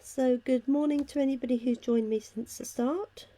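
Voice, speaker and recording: A hoarse, croaky-voiced woman chattily talking through each step of a casual live craft tutorial as she works. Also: high-pitched, steady tone, moderate pace, mellow. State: hoarse from illness. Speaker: craft demonstrator hosting a live stream. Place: at a craft table indoors.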